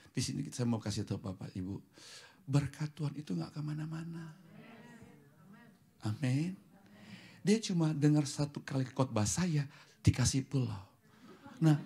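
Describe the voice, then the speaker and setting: Husky pastor, whispers then shouts. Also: male voice, mid-range voice. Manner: swings from hushed whispers to loud exclamations, mixes in English words. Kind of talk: sermon. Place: church.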